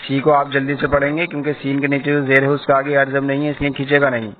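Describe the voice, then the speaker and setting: A man giving an online Quran reading lesson. He spells syllables out slowly, then explains at a brisk pace. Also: medium pitch, monotone. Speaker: Quran teacher. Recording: tinny phone-like audio with faint hiss.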